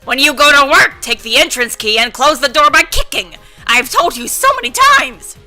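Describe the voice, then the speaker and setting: A woman voicing a hot-tempered, foul-mouthed old grandmother who scolds loudly, in an amateur visual novel voice-over. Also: high voice, expressive, moderate pace, faint music behind, pitched above the performer's own voice, full character voice. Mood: furious. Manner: loud, shouting, gruff scolding.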